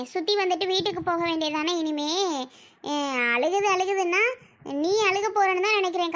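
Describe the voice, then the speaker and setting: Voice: high-pitched, pushed and bright. A performer playing a sarcastic young female relative in an amateur family drama skit, needling and mocking. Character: sharp-tongued young woman relative, mocking.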